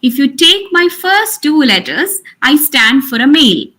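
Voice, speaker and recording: A woman's voice: high voice, very animated, unhurried, pushed and bright. A woman teaching an online workshop, instructive, restating her points for emphasis. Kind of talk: interactive lecture.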